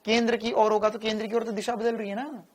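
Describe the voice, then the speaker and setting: A male physics teacher with a Hindi accent talks through an online exam-prep lecture. His voice is hoarse and worn from shouting. He stays animated and teasing, scolding students in a playful way. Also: sits high, fast talker.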